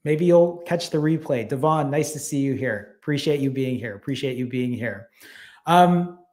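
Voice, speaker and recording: A man's voice: mid-range voice, animated, moderate pace, a little mellow. A man, casually hosting a live stream, reading viewer comments and thanking people by name, a little out of breath. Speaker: fasting channel host.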